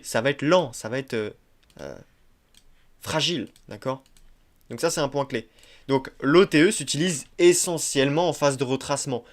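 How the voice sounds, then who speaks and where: A man walks viewers through a screen-share trading tutorial in a mid-pitched voice. He is emphatic and repetitive, checks in with the listener again and again, and drops little verbal tics as he marks up his charts. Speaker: trading instructor.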